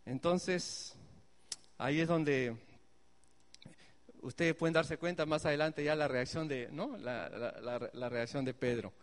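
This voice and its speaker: A man's voice: on the high side, measured pace, pauses often, long reverb tail. A man preaching a sermon as pastor, emphatic and speaking straight to the congregation. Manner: animated, emphatic, addresses the congregation directly.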